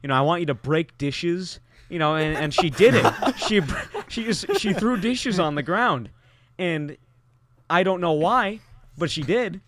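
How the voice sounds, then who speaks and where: A man's voice: sits high, lively intonation, a little slow, noisy background. Young man, casual podcast storyteller, rambling, full of fillers and restarts.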